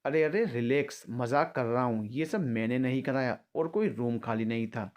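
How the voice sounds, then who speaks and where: A man's voice: mid-range voice, normal speed, lightly acted. A man doing a shameless menacing ex-lover. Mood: coaxing. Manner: smug, then threatening.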